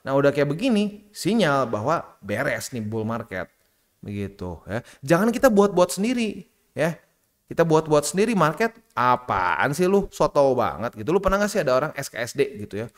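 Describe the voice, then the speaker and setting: A man from Indonesia, talking casually through market charts, lively and slangy, acting out other people in a higher voice. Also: normal speed. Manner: chatty, lively, acts out quoted people with jumps in pitch. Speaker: crypto market commentator.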